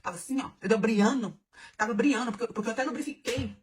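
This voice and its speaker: Brief: Mineira woman vlogger, husky voice, rapid comic storytelling, giggly and bawdy. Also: a little high. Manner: animated, giggly, bawdy and confiding.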